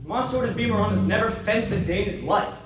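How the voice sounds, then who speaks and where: An actor playing an impassioned young lawyer who talks earnestly and insistently. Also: male voice, high-pitched, quick pace, natural voice. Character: young man, an impassioned lawyer demanding justice. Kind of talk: radio drama acting. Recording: echoey, distant, faint noise.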